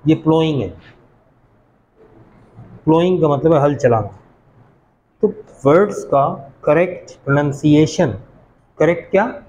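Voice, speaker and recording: A man from Pakistan teaching a class, explaining English pronunciation patiently, repeating words slowly and putting questions to the students. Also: fairly high pitch, a little mellow, highs cut off, a little hiss or hum. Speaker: college teacher.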